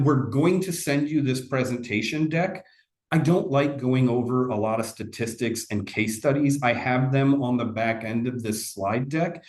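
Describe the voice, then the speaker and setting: A man's voice: medium pitch, a little mellow, reverberant. A man giving a casual, conversational sales presentation in a webinar, often restarting his sentences.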